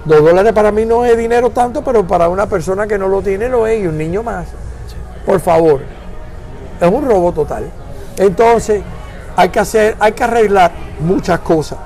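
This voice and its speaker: A man's voice: high-pitched, moderate pace, darkish tone. An older man from Florida in a conversational interview, talking emphatically and searching for words, at times slipping into English. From Florida, United States.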